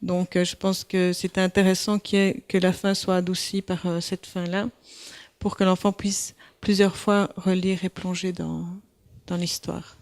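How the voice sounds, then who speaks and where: A woman's voice: on the low side, level tone, normal speed, darkish tone. A woman, an author answering questions hesitantly. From Belgium. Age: 50s. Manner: hesitant, frequent "euh". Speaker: author and illustrator.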